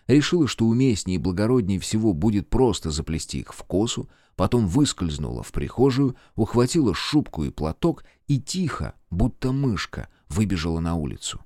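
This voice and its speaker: A man narrating an audiobook in a measured storytelling manner. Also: fairly low pitch, darkish tone, no room sound, clean studio sound. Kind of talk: scripted narration.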